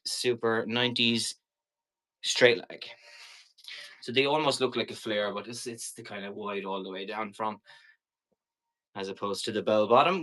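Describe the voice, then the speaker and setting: Bright, forceful man chatting on a live sale. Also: medium pitch, poor audio. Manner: chatty, rambling, jokey asides. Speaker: live shopping show seller and host. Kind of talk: casual live-stream sales chat.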